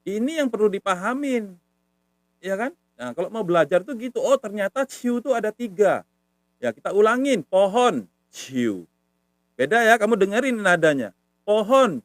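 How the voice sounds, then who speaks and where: A man from Medan teaches in a casual, patient way and says words over and over to show their tones. His voice sits a little high and swings widely in pitch. The sound is dry and close, with no room echo. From Medan, Indonesia. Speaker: language teacher. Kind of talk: casual online lesson.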